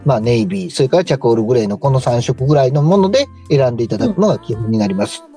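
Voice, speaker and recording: Fast, animated Kansai man explaining on radio. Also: medium pitch, faint music behind. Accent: Kansai Japanese. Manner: polite, informal explaining. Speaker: co-host, stylist and tailor shop manager.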